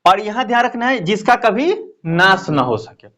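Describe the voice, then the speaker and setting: Male teacher, high and animated voice, drills terms by repeating them and quizzing the class. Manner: explains slowly, repeats key phrases, asks students questions. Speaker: Hindi grammar teacher. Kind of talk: classroom lecture.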